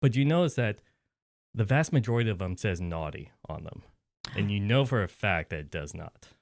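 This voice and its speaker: A man's voice: deep voice, lively intonation, fairly quick, vocal fry, no room sound, studio quality. A man narrating as game master, rambling with filler words and restarts.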